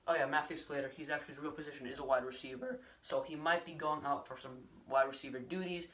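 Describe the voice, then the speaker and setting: A man's voice: on the high side, steady tone, quick pace, fairly bright tone, far from the mic. A young man giving a casual, rambling solo sports recap with many fillers and restarts. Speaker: sports vlogger.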